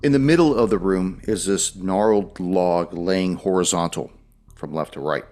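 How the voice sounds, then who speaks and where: A man's voice: low voice, moderate pace, darkish tone. A man narrating a tabletop role-playing game as game master, guiding players through rules and scenes.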